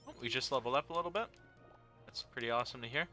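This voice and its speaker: Bright-voiced young man commentating a game. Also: mid-range voice, very fast. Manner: rambling and joking, with many fillers. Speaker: let's play host. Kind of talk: casual gameplay commentary. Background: game music.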